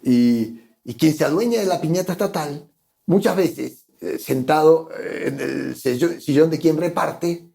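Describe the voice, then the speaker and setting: An Argentine economist, a guest in a conversational interview, speaks with an Argentine Spanish accent, thinking carefully and often repeating words as he searches for the right phrase. His voice is a little high, gravelly and warm, and he talks a little slowly.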